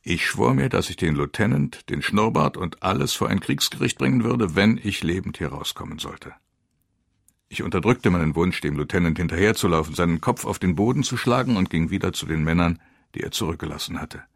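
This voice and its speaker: A man giving grave, measured first-person narration of a war memoir. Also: deep voice, animated, vocal fry, dry recording, clean studio sound.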